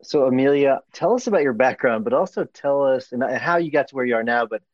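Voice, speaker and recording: A man's voice: medium pitch, expressive, brisk, no echo, dull audio. A man co-hosting a podcast, teasing and laid-back in casual talk. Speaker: podcast co-host.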